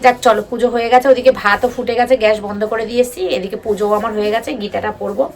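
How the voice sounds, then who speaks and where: A woman's voice: on the high side, steady tone, rapid-fire. A young woman, vlogging to her viewers in a casual, talkative way, with plenty of fillers. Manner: talkative, addresses viewers directly, many fillers. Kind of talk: casual chatty vlog to viewers.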